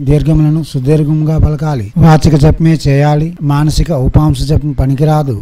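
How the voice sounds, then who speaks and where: Priest guy chanting slow then preaching fast and earnest, kinda high but super warm voice. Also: low-quality recording.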